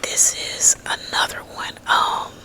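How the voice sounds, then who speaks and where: A woman rambling gently in a breathy ASMR whisper, lingering on drawn-out words. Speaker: ASMR host.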